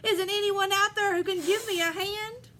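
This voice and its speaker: A woman's voice: extremely high pitch, steady tone, moderate pace, fairly bright tone, a little hiss or hum, voice pushed up. A woman voicing a frantic, bossy old Santa in a storybook, calling out emphatically. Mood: exasperated.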